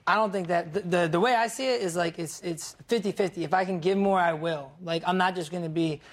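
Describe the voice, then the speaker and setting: A man's voice: sits high, brisk. Defensive young man who stammers. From Ohio. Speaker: litigant.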